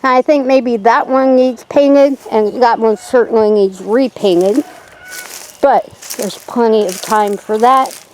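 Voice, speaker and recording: A woman's voice: on the high side, slow, a little mellow, rough recording. Chatty woman touring her garden outdoors. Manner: chatty, homespun, says "yeah" a lot. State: a little out of breath. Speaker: channel host. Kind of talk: casual garden tour. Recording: faint outdoor noise and wind.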